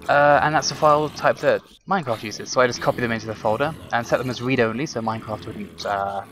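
A young man with a mid-range, slightly bright voice talks quickly as he plays a video game, offering casual, rambling let's play commentary. He chats to himself and his viewers with frequent ums and self-talk, and there's a little hiss or hum in the audio.

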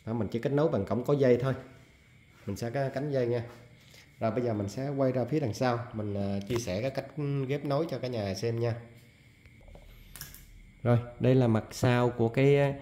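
Male technician, casual step-by-step tutorial, mellow tone, roomy echo. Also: mid-range voice, moderate pace, pauses often, slight background noise. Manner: chatty, many fillers and "nha" tags, explains step by step. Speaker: audio equipment technician. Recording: echoey room.

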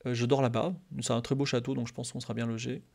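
Gravelly French man chatting on stream. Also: medium pitch, fast. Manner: rambling, with many fillers and restarts; grows animated and loud when excited. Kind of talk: casual live-stream chat.

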